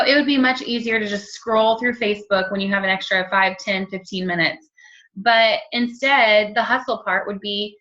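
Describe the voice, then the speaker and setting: Woman in her 30s, bright tense voice, quick chatty pep talk at home, dull lo-fi sound. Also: medium pitch. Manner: quick, chatty, many ums and you-knows. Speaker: network marketing team leader. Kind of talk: casual motivational talk to camera.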